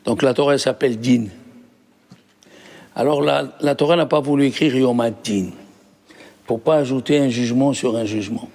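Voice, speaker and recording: A man's voice: medium pitch, fairly even intonation, moderate pace, pauses often, a little mellow. A man, a rabbi, teaching a Torah class, asking the class questions and explaining patiently. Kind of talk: lively Torah lesson.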